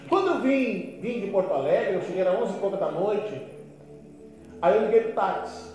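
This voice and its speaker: A man pastor preaching a sermon, telling folksy humorous stories and swinging between loud emphasis and quiet asides. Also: sits high, lively intonation, normal speed. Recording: echoey hall with faint music.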